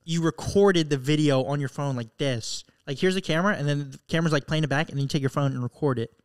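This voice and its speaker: Man, podcast co-host, high and clear, emphatic casual talker. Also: quick pace. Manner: emphatic, chiming in with "literally" and "yeah". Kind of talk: casual chat.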